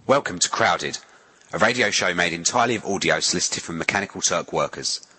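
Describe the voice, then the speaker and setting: A man hosting a radio show, reading a scripted introduction in a measured, announcer-like way. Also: low-pitched, animated, sharp tone, husky, poor audio.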